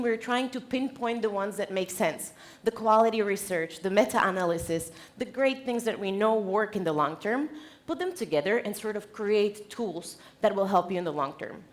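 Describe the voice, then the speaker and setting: Here a Czech-accented woman from the Czech Republic, mid-range in voice, addresses an audience as a keynote speaker at a conference. The motivational talk is casual, playful and full of jokes, like a conversation.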